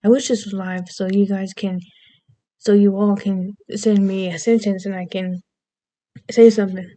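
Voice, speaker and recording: Casting: American woman with a faint Southern lilt, a chatty vlog rambler with a mellow, fairly even delivery. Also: mid-range voice, normal speed. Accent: American with a slight Southern lilt. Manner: meandering, self-interrupting, goofy. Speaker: vlogger. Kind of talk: casual rambling monologue.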